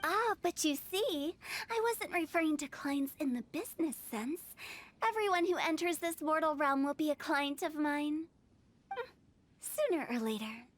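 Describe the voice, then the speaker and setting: A woman's voice: high-pitched, sing-song, normal speed. An actress voicing Hu Tao, a young female funeral parlor director who teases playfully and jokes breezily about death, in a game cutscene. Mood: teasing.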